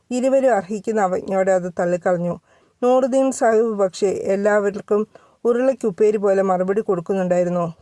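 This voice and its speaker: Mellow-voiced woman reading a story. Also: mid-range voice, no room sound. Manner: steady, measured reading. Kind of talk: storybook narration.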